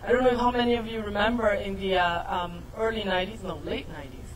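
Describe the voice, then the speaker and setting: A woman's voice: mid-range voice, fast talker, noisy background. A middle-aged woman professor giving a lecture, explaining step by step with frequent fillers and self-corrections. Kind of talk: lecture on speech technology.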